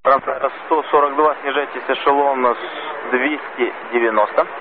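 A man's voice: medium pitch, fairly even intonation, normal speed. A man speaking as an air traffic controller, giving clipped radio phraseology over a radio transmission. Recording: tinny narrow radio channel, clear background noise.

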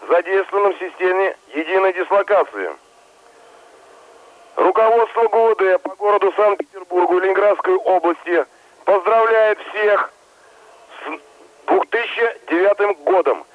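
A man reading a formal announcement over a police radio channel, measured and repeating key phrases. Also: high voice, no room sound. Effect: police radio transmission. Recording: tinny radio band.

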